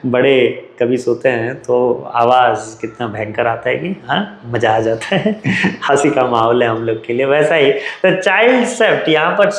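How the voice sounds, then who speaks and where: A man's voice: medium pitch, animated, unhurried, roomy sound, poor audio. A man with an Indian English accent, teaching an exam revision lesson in a chatty, joking way.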